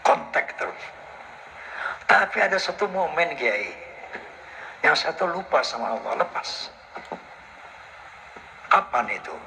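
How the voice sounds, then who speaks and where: Man telling a religious story, bright sharp voice, kinda high. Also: very animated, slow, creaky, long pauses, slight background noise, low-quality recording. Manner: emotional, pious exclamations, voice rises high when moved.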